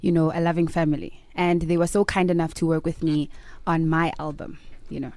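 A young female singer with a South African accent, her voice a little low for a woman, answering questions in a soft, reserved way and laughing often. She is close to the microphone in a dry studio. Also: flat delivery, fairly quick, no room sound. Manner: soft-spoken, giggly, reserved. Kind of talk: radio interview.

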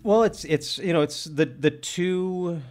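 A man's voice: fairly high pitch, slow, darkish tone. Enthusiastic man hosting a film chat. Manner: enthusiastic, searching for words with many restarts. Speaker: podcast host. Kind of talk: casual film discussion.

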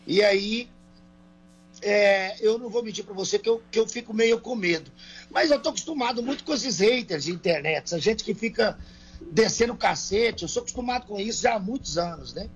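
A man's voice: sits high, brisk, slightly rough, dull audio, soft background music. A man from Brazil, a country singer answering interview questions in a folksy, colloquial way over a remote call. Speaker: guest singer. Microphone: remote call, phone or earbuds.

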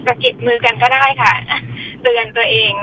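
A woman calling in to a radio show, speaking in a soft, calm, unhurried way. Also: fairly high pitch, background noise. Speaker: caller. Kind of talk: phone-in conversation.

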